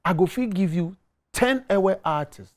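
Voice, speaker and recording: On a TV studio set, a Ghanaian-accented man in his thirties, appearing as a guest musician, chats in a casual interview. His voice sits high and sounds animated, unhurried, and slightly mellow; he talks earnestly, repeating himself and drifting into pidgin.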